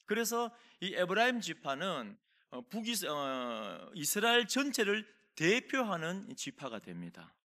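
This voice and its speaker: A man's voice: sits high, measured pace, hardly any pauses. A middle-aged man preaching a Sunday sermon as pastor, telling stories with acted-out quoted voices. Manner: animated storytelling, acts out quoted voices. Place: church sanctuary.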